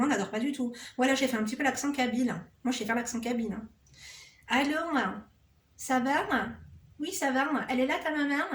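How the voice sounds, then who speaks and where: A woman's voice: on the high side, echoey room. A woman vlogger giving relationship advice, reading out a viewer's story and cutting in with sassy, sarcastic, teasing asides.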